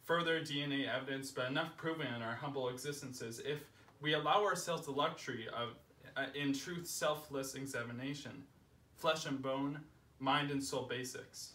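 A young adult man, mid-range in pitch with a sharp tone, delivers a humorous first-person essay live at a home salon to a handful of seated listeners. He reads in a projected, deliberate way, affecting self-importance for comic effect. Roomy echo and faint noise come from the distant camera microphone.

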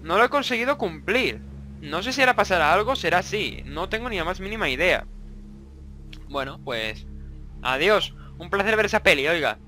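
A man's voice: high voice, very animated, moderate pace, pushed and bright, faint music behind. A young man from Spain with a Spanish accent, commentating a horror game he plays, swearing a lot and jumping between jokes and startled outbursts. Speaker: gaming YouTuber.

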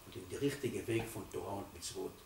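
An old man in his eighties preaches as a rabbi, dropping to a murmur and then swelling loudly for emphasis. His voice is picked up from across an echoing room. A faint hum of ambience sits underneath. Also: low voice, fast talker. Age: 80s. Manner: emphatic, swells from quiet to loud for stress. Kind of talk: Torah sermon. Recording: roomy, distant mic, faint ambience.

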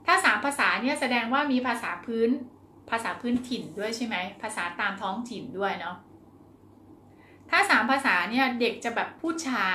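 A woman's voice: high-pitched, bright, forceful tone, reverberant, slight background noise. A woman child development teacher answering a parent's question, chatty and reassuring, explaining with everyday examples.

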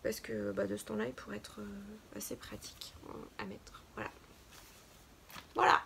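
A woman chatting casually as a podcast co-host, her speech full of little pauses and restarts. There's a gravelly fry in her voice at middle pitch. She talks about her craft in an easygoing, searching way. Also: flat delivery, bright, forceful tone, slight background noise. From France. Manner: hesitant, many fillers and restarts. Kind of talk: casual chat about knitting.

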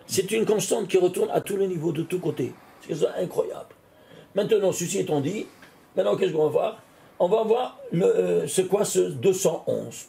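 A man's voice: on the high side, vocal fry. A man, a rabbi, teaching a recorded Torah class, putting questions to his listeners and answering them himself. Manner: asks questions and answers them himself, animated rise and fall.

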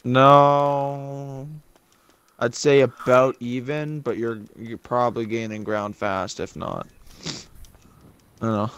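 A man's voice: mid-range voice, fairly even intonation, slow, long pauses, a bit bright, smooth, no echo. A man recording himself gaming with a friend, laid-back and teasing in casual banter.

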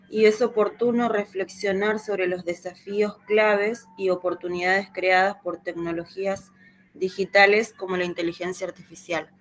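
A woman's voice: medium pitch, slight background noise. Woman student reading carefully. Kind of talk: reading a translation aloud.

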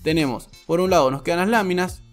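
A man's voice: sits high, fast, faint music behind. A man, a barber giving a frank, explanatory voice-over tutorial. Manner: frank, explanatory, repeats "muy pero muy". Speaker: barber reviewing shavers.

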